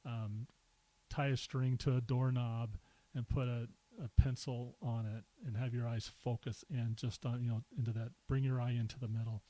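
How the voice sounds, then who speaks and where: A man's voice: mid-range voice, normal speed, low-quality recording. A middle-aged man, a podcast guest, casually telling personal stories, acting out quotes and chuckling as he goes. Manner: relaxed anecdotes with chuckles and acted-out quotes. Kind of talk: casual storytelling.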